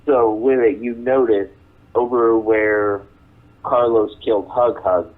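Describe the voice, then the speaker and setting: A man's voice: fairly low pitch, steady tone, slow pace. A man casually narrating a tabletop role-playing game as the game master. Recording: tinny, narrow radio-like voice channel.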